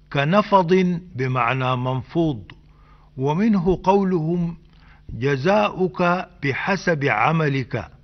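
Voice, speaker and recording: Male radio host for a language lesson, precise and unhurried, recorded as a muffled vintage broadcast. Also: a little high. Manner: measured, precise, scholarly explanation. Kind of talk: slow scripted language lesson. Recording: dull old radio broadcast.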